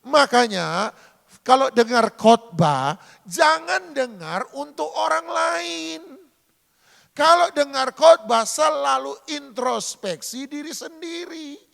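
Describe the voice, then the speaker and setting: A man's voice: very high-pitched, animated, slow pace, creaky, fairly bright tone, in a large hall. A man preaching a humorous sermon, acting out dialogue and asking the congregation questions. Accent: Indonesian. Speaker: pastor. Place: church sanctuary.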